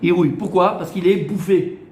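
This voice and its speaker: A man, a rabbi, giving a lively Torah class to a small group, teasing and quizzing them as he goes. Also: high voice, brisk, slight background noise. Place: room with a small group of students. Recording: echoey room.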